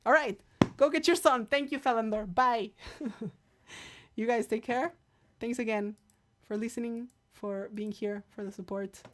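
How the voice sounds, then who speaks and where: A woman's voice: fairly high pitch, measured pace, slight background noise. A woman hosting a live stream, chatting casually, reading out viewer comments, thanking people by name and laughing often. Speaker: livestream host and singer.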